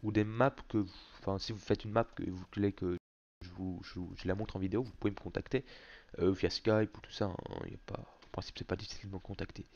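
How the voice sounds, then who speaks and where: A man hosting a gaming video, giving casual, excitable commentary and swearing often. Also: deep voice, fast talker, lo-fi sound.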